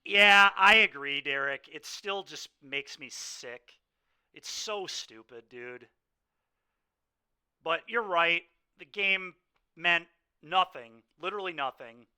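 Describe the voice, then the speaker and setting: A man's voice: fairly high pitch, expressive, slow pace, pushed and bright, smooth. A young man streaming a card game, venting his frustration and sighing between remarks to chat.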